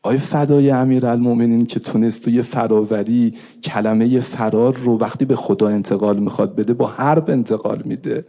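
Male preacher, dark warm voice, sermon delivery swinging from soft intimate to impassioned. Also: mid-range voice, fairly even intonation, hardly any pauses. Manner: swings from hushed intimate pleading to raised cries. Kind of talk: religious sermon.

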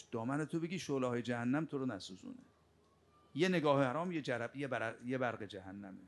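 A man preaching a sermon, rebuking his listeners with sharp rhetorical questions. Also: medium pitch, vocal fry.

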